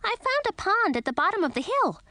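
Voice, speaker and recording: A woman voicing a fretful, squeaky female bat in an audiobook, high and complaining. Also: very animated, brisk, bright, forceful tone, dry recording, exaggerated voice. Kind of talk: audiobook character voice.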